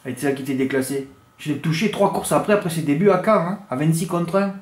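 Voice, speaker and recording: A man's voice: fast talker, echoey room. A man giving horse racing tips in a casual monologue, joking crudely and swinging his voice up and down. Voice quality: has a noticeable accent others laugh at. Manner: animated, crude joking, big swings in pitch and loudness.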